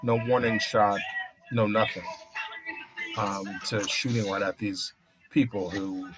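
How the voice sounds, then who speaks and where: A man's voice: fairly low pitch, steady tone, takes it slowly, poor audio. A man co-hosting a casual talk show about recent news, speaking hesitantly as he thinks aloud.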